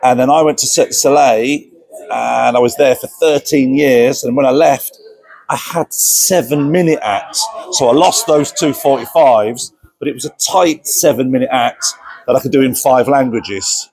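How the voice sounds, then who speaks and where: A man, a performing magician, giving relaxed advice on cutting down acts. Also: medium pitch, moderate pace, creaky, no echo. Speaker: magician and guest. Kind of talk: casual chat.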